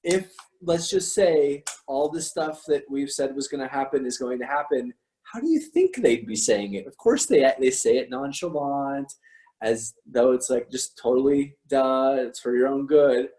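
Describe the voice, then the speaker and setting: A man hosts a casual livestream from his home, talking at a middle pitch. He rambles emphatically, restarts his sentences often and swears freely. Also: lively intonation, normal speed, dark tone, rough recording. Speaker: host of an online talk stream.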